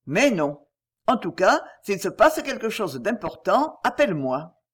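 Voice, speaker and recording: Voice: mid-range voice, sing-song, a little slow, a bit bright, husky, exaggerated voice. A reader of a French crime novel voicing a young police inspector who urgently asks a friend for a favor. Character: young male police inspector, quick and scheming.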